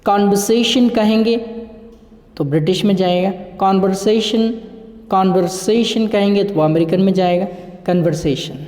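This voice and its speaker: A man's voice: high voice, darkish tone. Man lecturing in an echoey hall. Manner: drills words by asking and answering his own questions. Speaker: English pronunciation teacher. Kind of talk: recorded lecture. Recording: echoey hall with long reverb.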